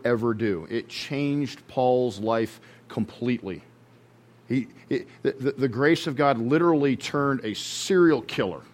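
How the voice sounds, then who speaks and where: A man's voice: mid-range voice, darkish tone. A man, a pastor, preaching an earnest sermon to his church and often repeating words as he restarts his sentences.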